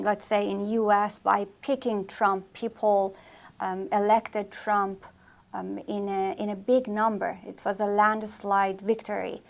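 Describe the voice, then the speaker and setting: A woman interviewer putting formal questions in deliberate, halting phrases. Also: mid-range voice, creaky.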